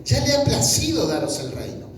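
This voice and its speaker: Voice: medium pitch, very animated, normal speed, slight background noise. A preacher giving an in-person sermon in a colloquial, conversational way, often restarting phrases and acting out quoted lines. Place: church gathering in person. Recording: very echoey room, speaker far from mic.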